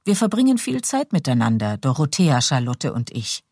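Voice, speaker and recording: Earnest young lady, slightly flustered, eager, as a woman narrator plays her; husky, dry studio read. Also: rumbling low, sing-song, normal speed, darkish tone, dry recording, full character voice.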